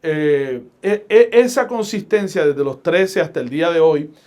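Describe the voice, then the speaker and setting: In a podcast interview, a middle-aged guest pastor and radio broadcaster from Puerto Rico tells stories with a Puerto Rican Spanish accent. His somewhat higher-than-usual voice has a darkish tone, and he is animated, leaning on each phrase in a measured, emphatic preaching cadence laced with scripture quotes.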